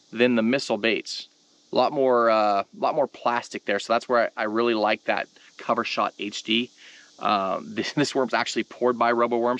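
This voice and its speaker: Bright and forceful at a medium pitch, this man's voice guides viewers through fishing gear and technique. He hosts a tutorial channel and keeps the demonstration casual and conversational, talking right to the audience.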